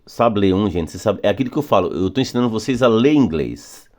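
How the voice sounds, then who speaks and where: Man, Portuguese native speaker, English teacher, lowish voice, patient, repetitive, drawn-out explanations. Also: lively intonation, darkish tone. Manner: patient, repetitive, drawing out key words slowly. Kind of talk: phonics lesson explanation.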